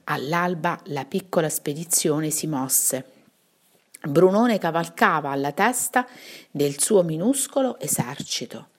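Woman teacher telling a bedtime story, kinda low voice, really animated. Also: a little slow. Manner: expressive, lively storytelling. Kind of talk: storybook reading.

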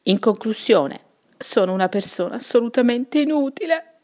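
A woman's voice: on the high side, expressive, normal speed, dark tone, voice pushed up, natural voice. A woman voicing a sad, talkative old male wizard in a bedtime story, wistful and self-pitying.

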